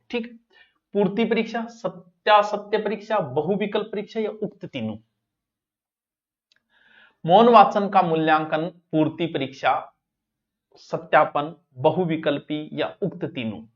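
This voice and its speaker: A male teacher runs an exam-prep class, chatting straight to his students. His voice sits high, and he repeats the key words for emphasis. The recording sounds muffled and lo-fi.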